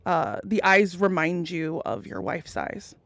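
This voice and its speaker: A woman's voice: lowish voice, big pitch swings, measured pace, creaky, a bit bright, no echo. A woman improvising narration as game master of a tabletop game, informal and given to swearing.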